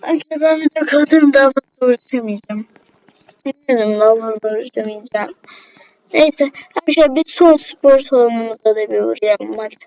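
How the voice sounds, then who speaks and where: A woman doing casual let's-play commentary as a gaming YouTuber, excitable, talking straight to her viewers and breaking into gasps and shrieks. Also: fairly high pitch, creaky. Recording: slightly dull lo-fi with faint hiss.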